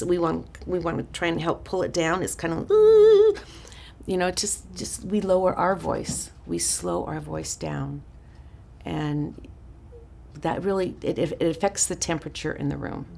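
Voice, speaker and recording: A woman teaches a counseling class in a casual, chatty way, stopping and restarting her sentences as she goes. Her voice is raspy and gravelly, sitting a little low. A faint hum of room noise is heard behind her. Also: moderate pace. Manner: chatty, warm-hearted asides with frequent restarts and fillers. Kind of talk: informal teaching talk to a small group.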